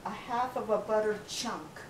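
Showing a recipe at home, an older woman talks casually and directs her helper while she cooks, her mid-range voice unhurried. The camera sits far across the room, leaving the sound echoey and noisy.

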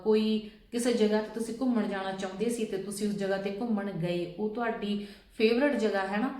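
A woman's voice: mid-range voice, darkish tone, roomy sound. A woman vlogger patiently explaining steps and often checking that listeners follow. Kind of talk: casual instructional talk.

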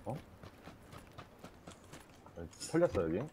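A man's voice: low voice, big pitch swings, slow pace, mellow, slight background noise. A man chatting with his squad during an online shooter match, calling out positions and teasing the others. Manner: calls out positions and teases squadmates. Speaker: squad player. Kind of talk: casual gaming chat.

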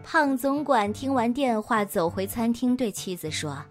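A woman telling a children's storybook tale in a playful, sing-song way. Her voice sits high and swoops lively up and down. Soft music plays under her. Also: normal speed.

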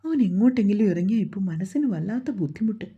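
A woman's voice: medium pitch, animated, fast, husky, dull audio. A woman voicing an anxious, loving middle-aged mother who soothes her daughter and prays in a pleading way. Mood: soothing, worried.

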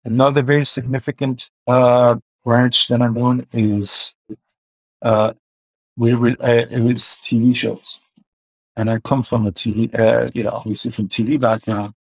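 A car filmmaker in his forties joins a video call interview from indoors at home, his speech hesitant and packed with fillers, his accent part Iranian, part Swedish. His husky voice is medium-pitched with little pitch movement and a measured pace; the webcam audio is poor but free of room sound.

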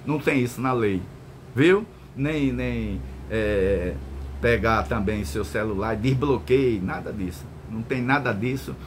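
A man's voice: measured pace, background noise. Emphatic older man lecturing on the law. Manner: emphatic, repetitive, keeps asking "entendeu?" and saying "meu irmão"; lively swings in pitch, mock-stern asides. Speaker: law lecturer answering viewer questions. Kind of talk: casual explanatory commentary.

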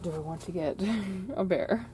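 A woman's voice: fairly low pitch, moderate pace, mellow, slightly rough. A teenage girl vlogging while shopping, giggly and hesitant, full of fillers, on a handheld camera in a store. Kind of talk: casual chat while shopping. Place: indoors in a store. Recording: noisy store ambience.

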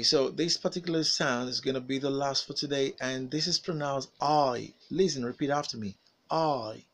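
A man with a Nigerian English accent, teaching pronunciation as a speech coach, enunciating each word slowly and carefully. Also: mid-range voice, creaky, breathy edge. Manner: slow, deliberate enunciation, drawn-out model sounds. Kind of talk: phonics pronunciation lesson.

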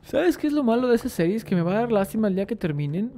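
A man's voice: sits high, big pitch swings, racing, mellow, soft background music. A man with a Mexican accent casually commenting while playing a game, playful and rambling, often throwing questions to his viewers. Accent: Mexican Spanish. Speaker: gaming streamer.

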